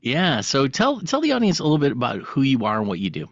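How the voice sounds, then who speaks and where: Man, podcast host, lively pitch, muffled lo-fi audio, short encouraging replies. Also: fast talker. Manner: brief encouraging backchannels and questions. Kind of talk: casual interview chat. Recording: dull lo-fi sound.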